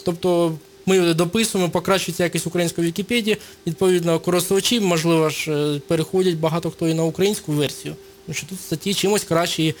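A man's voice: on the high side, fairly even intonation, fast talker, few pauses, a little hiss or hum. A man speaking as a guest on a radio show, explaining at length with frequent hesitations and fillers. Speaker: studio guest. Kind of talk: radio interview.

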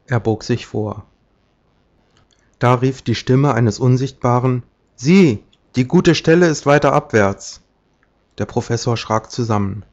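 Man narrating an audiobook, lo-fi sound. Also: medium pitch. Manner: measured, even storytelling. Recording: dull lo-fi audiobook recording.

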